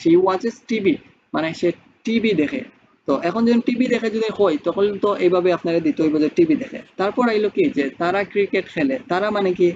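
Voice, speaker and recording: A man's voice: sits high, fairly quick, darkish tone, dull audio. A man teaching spoken English, who explains step by step and keeps asking rhetorical questions.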